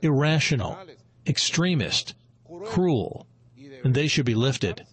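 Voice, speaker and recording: A man speaking as an interpreter, giving a voice-over translation of a speech in a slow, emphatic way that lists words one by one. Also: medium pitch, very animated.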